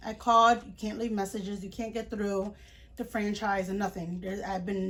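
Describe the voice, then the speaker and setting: Young woman ranting on her vlog, chatty and fed up, lots of "like" and "you know". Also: medium pitch. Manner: indignant, chatty retelling with many fillers. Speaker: vlogger. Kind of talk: casual storytime vlog.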